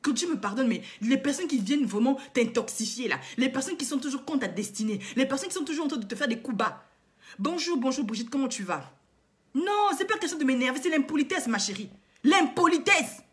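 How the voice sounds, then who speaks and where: A woman's voice: high-pitched, expressive, fast talker, a bit bright. A woman vlogger and coach lecturing her viewers with indignant, emphatic rhetorical questions and lots of repetition. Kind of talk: impassioned moralizing monologue to viewers.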